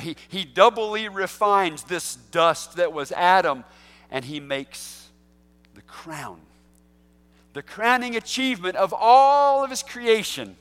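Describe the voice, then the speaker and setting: A man preaching a sermon as pastor, animated and jokey, swinging between loud bursts and hushed asides. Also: fairly high pitch, long reverb tail.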